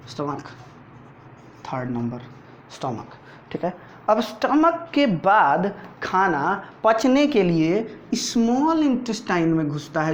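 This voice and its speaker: A man's voice: on the high side, a little mellow. Male teacher, board lecture for school students; quizzes the class with rhetorical questions and repeats key terms. Dull, lo-fi recording. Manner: asks rhetorical questions and answers them himself; repeats key terms, often tags "theek hai". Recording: dull lo-fi recording with faint noise.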